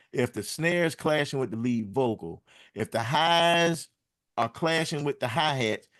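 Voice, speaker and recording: A man in the middle of a music business panel, rambling loosely from one point to the next and calling the crowd y'all. His voice sits at an ordinary pitch, and the recording is dry and close with no room sound. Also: no room sound. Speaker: music producer and panel speaker. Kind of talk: casual panel talk.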